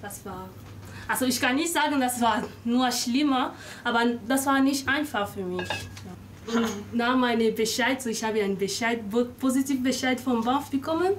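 A woman from the Democratic Republic of the Congo, speaking halting non-native German in a casual chat in a shared flat kitchen. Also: a little high, a little hiss or hum. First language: not German. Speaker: flatmate interviewed. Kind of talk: casual conversation. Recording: kitchen clatter behind.

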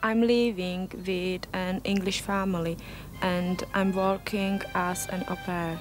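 A woman's voice: on the low side, level tone, slow, faint music behind. A woman from Slovakia, a native Slovak speaker and au pair, speaking careful learner's English with a Slovak accent.

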